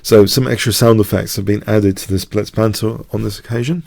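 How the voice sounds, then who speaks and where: A chess streamer from outside the United States, congested with a cold, talks through his own blitz games. His lowish voice is fairly even and quick, a little mellow with vocal fry and no echo. He's hesitant, often stammering and restarting his sentences.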